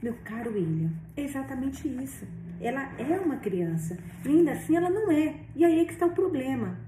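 A woman's voice: sits high, big pitch swings, a little fast, dark tone, a little hiss or hum, voice pushed up. A woman reading as a worried older aunt, roomy. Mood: insistent. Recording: roomy echo, distant mic.

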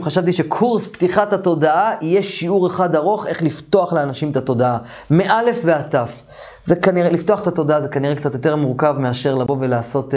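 A man teaching an online course, telling a first-person story in a lively, colloquial and emphatic way. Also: fairly high pitch.

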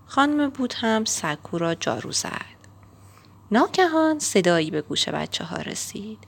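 A woman reading a children's picture book aloud in a gentle, expressive storytelling manner. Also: mid-range voice, vocal fry, breathy edge. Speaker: storybook reader.

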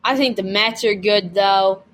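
A man's voice: high-pitched, a little slow, low-quality recording. A man co-hosting a podcast, chatting casually and matter-of-factly about sports. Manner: calm, matter-of-fact, quotes stats. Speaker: podcast co-host.

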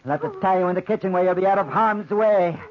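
A man's voice: high voice, fast, a little hiss or hum, close to an everyday voice. An actor playing an obsessive, imperious old man who mutters and repeats himself in an agitated way, in old radio drama style. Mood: menacing, agitated. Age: older. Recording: dull, lo-fi old radio recording.

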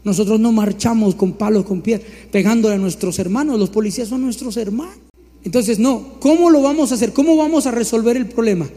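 A male pastor preaching in a high, ringing voice. He builds his points through repeated phrases and slips into mocking mimicry of others. His voice carries a long reverb from a large hall. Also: a little fast, mellow. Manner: emphatic preaching with rising repetitions. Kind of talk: sermon.

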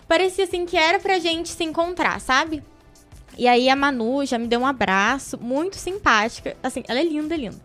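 Young adult woman, podcast guest; lively, heartfelt storyteller, slightly high pitch. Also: normal speed, soft background music. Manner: animated, emotional storyteller who acts out quoted voices.

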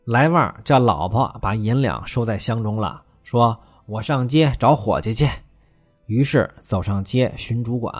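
A man narrating a classic tale as a storyteller, with wry commentary between scenes. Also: mid-range voice.

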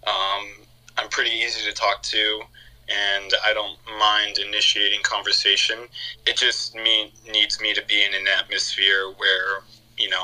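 A man who is a podcast guest, speaking in a relaxed, outgoing way with some hesitant fillers. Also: on the low side, rough recording. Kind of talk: conversational interview.

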